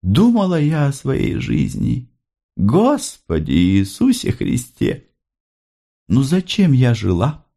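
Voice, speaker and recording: A man's voice: huge pitch swings, slow pace, dark tone, exaggerated voice. A man voicing a worn-down older mother. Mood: sorrowful. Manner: higher, pleading, emotional delivery. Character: older working-class mother, gentle, worn by hardship.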